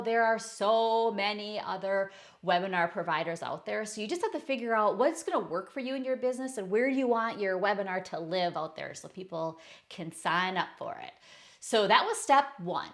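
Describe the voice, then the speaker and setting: A woman's voice: medium pitch, fairly bright tone. A woman coaching online business owners in a casual screen-share tutorial, chatty and self-correcting as she talks through her slides.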